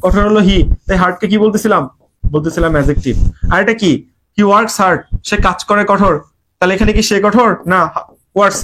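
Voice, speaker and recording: A man's voice: sits high, brisk, bright, forceful tone, a little hiss or hum. A young man with a Bangladeshi Bengali accent teaching English grammar in an online admission-prep lesson, drilling students with rhetorical questions.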